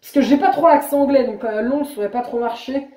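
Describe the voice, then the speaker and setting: Young woman, vlogger, slangy storyteller, higher voice, mellow tone, echoey room. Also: fast. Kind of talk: casual chat.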